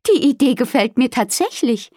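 A woman's voice: sits high, very animated, moderate pace, warm tone, husky, dry recording, studio quality, pitched above the performer's own voice, heavily acted. A woman voicing a cheerful, busy female hotel keeper in a storybook reading.

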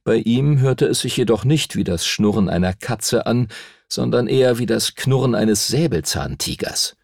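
A man narrating a children's fantasy audiobook in an expressive storytelling manner. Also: medium pitch, moderate pace, creaky, no echo, studio quality. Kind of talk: scripted narration.

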